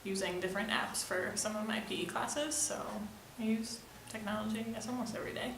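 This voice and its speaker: A woman's voice: mid-range voice, a little fast, recorded from a distance. Young woman pe teacher, um and you know, echoey room, faint hiss. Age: 20s. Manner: casual, rambling with fillers. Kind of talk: interview answers.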